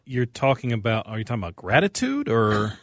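A man's voice: medium pitch, huge pitch swings, brisk, no echo, studio quality. A man co-hosting a radio talk show, talking hesitantly with stumbling restarts. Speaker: radio co-host. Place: radio studio.

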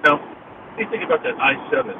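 A man's voice: mid-range voice, wildly swooping pitch, fast. A man calling a radio show from a hands-free car phone, his voice hollow with a cave-like echo, chatty and plainspoken. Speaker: radio call-in caller. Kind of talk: casual call-in chat. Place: inside a car being driven. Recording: tinny car phone line with road noise.

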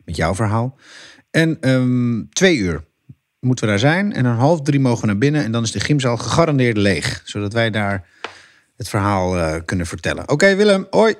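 A man leaves a quick, informal voicemail, his pitch rising and falling a lot as he talks. He sounds hurried and keeps stopping on filler sounds. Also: very animated. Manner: casual and hurried, with many fillers. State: leaving a voicemail.

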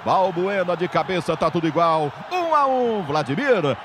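Male Brazilian football commentator, explosive goal calls, high voice, drawn-out shouts, very noisy broadcast. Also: animated. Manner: emphatic, drawn-out goal shouts, repeated catchphrases. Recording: noisy stadium broadcast sound.

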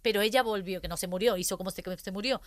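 A woman in her thirties from Venezuela with a Venezuelan accent, a mother taking part in a casual chat, lively and quick to laugh and agree. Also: medium pitch, no echo, clean studio sound. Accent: Venezuelan Spanish.

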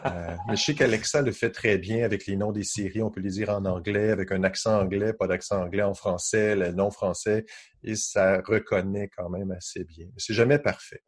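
Man, Quebec French accent, low husky voice, enthusiastic, explanatory, casual tech talk. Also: fairly even intonation, moderate pace. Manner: enthusiastic, explanatory, many fillers. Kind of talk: casual radio tech chat.

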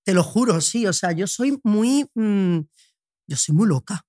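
A woman hosting a casual interview, expressive and quick to react. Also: mid-range voice, no room sound, studio quality. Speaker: host. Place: hotel.

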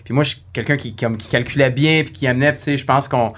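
A man with a Québécois French accent chats quickly and loosely, circling back and restarting his sentences as he reminisces. His pitch sits in a middle range. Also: fairly even intonation, fairly bright tone. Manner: rambling, many restarts and "tu sais". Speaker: former stage manager, guest. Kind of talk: casual reminiscing chat.

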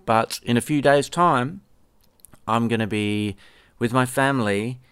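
A podcast host and musician from Perth, Western Australia, talks casually and ramblingly on his own solo show, often correcting himself and swearing occasionally. His medium-pitched voice is fairly bright, clear, and resonant, at a measured pace, with no echo in the recording.

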